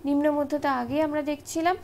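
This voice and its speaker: A woman's voice: sits high, steady tone, rapid-fire, a little mellow, a little hiss or hum. A woman teaching an exam-prep grammar lesson, explaining step by step and often checking in with short tag questions.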